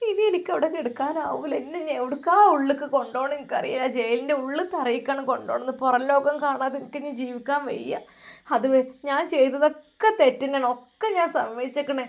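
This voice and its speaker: A woman voicing a desperate middle-aged woman who pleads tearfully for mercy. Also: high voice.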